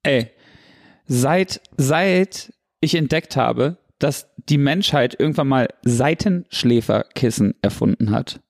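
Joking guy, gravelly husky voice, swings up and down a lot. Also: medium pitch, animated, takes it slowly. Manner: joking, playful interjections. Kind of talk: casual chat.

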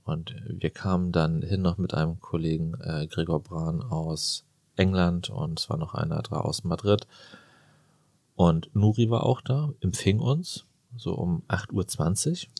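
Deep-voiced joking male podcast host. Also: a little slow, darkish tone, no echo, studio quality. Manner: jokey, chatty storyteller. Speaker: podcast host and plastic surgeon. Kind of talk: casual conversational interview.

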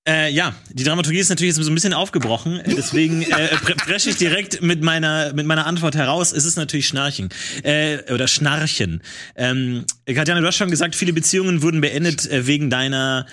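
A man's voice: fairly high pitch, quick pace, few pauses, fairly bright tone. A man with a slightly raised voice argues his case in a mock-earnest way. He stumbles through fillers, then presses his point with mounting insistence. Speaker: panel player. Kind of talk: comedic casual chat.

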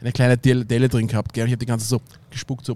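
A man's voice: medium pitch, flat delivery, racing, darkish tone. A young man with an Austrian German accent, rambling through an anecdote in casual slang with lots of fillers. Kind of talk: casual chat.

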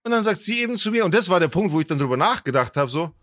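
Animated high-voiced man. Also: racing, no room sound, studio quality. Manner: animated, acts out quotes with big voice jumps. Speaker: podcast host. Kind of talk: casual storytelling chat.

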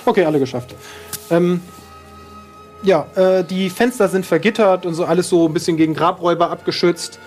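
A man's voice: high-pitched, fairly quick, a little mellow, faint music behind. A man narrating a tabletop game as game master, hesitant, with fillers.

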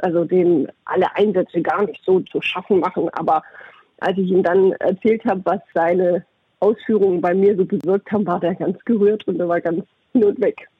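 Husky middle-aged woman on a phone-like line. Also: lowish voice, no room sound. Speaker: interviewee, doctor and puppeteer. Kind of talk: conversational interview answers with anecdotes. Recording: thin phone-like radio sound.

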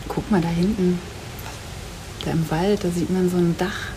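Low flat-voiced woman, roomy echo. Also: normal speed. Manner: dreamy, musing, often whispering. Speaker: vlogger exploring a mystery villa. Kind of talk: casual exploring chat. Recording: roomy echo, faint noise.

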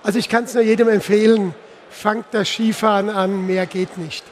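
Speaking casually on a live stage at a trade fair, a man in his sixties from Germany's Palatinate is interviewed as an insurance executive. His voice is high with fairly even intonation at a moderate pace, and faint background noise from the live event is audible.

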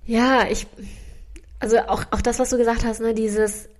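A young woman co-hosting a podcast, sharing memories in a reflective, halting way with frequent restarts. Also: on the high side, level tone. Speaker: podcast co-host. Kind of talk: casual chat.

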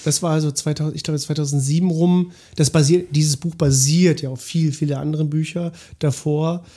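A man's voice: on the high side, steady tone, a little fast, dark tone. A man co-hosting a casual discussion podcast, thinking aloud and often restarting his sentences. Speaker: podcast co-host.

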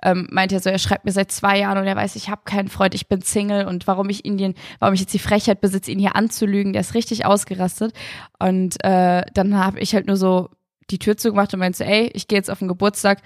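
A woman's voice: medium pitch, little pitch movement, a little fast, darkish tone, no room sound, clean studio sound. A young woman in her twenties telling a story in a casual interview at her home, talking in a loose, chatty way with plenty of hesitant fillers. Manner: chatty, filler-heavy retelling with many hesitant "ähm"s. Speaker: guest athlete. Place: her family home, indoors.

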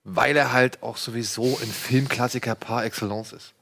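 A man's voice: mid-range voice, steady tone, moderate pace, creaky, noisy background. A man co-hosting a casual film debate, arguing for a compromise. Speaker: podcast host.

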